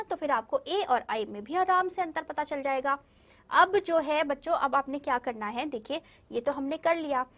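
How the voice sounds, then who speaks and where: A woman teaching young children Hindi in a recorded video lesson, slowly stretching and repeating each word syllable by syllable and often checking whether they follow. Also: high voice, a bit bright. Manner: slow, drawn-out syllable-by-syllable pronunciation drills, repeating words; patient, coaxing, checks understanding with "ठीक है?". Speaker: primary school Hindi teacher.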